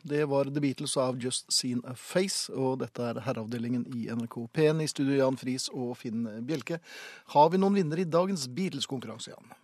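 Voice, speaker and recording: A man co-hosting a comedic radio show in a studio, teasing his partner with quick questions. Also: medium pitch, darkish tone, dry recording. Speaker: radio host. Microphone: studio microphone.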